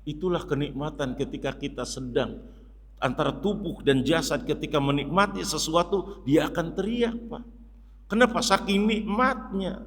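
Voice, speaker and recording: A man giving a mosque sermon in a lively, joking way, often turning to his listeners and acting out shouts. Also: fairly high pitch, normal speed, slightly rough. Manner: lively, jokey, addresses listeners as "Pak", acts out shouts. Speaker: Islamic preacher. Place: mosque hall. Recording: long reverb of a hall.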